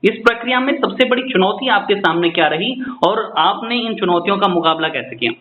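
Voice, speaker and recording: A man's voice: high voice, animated, brisk. A man working as a radio correspondent, reading a formal news introduction and asking his guest polite questions. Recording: roomy, phone-like sound with faint noise.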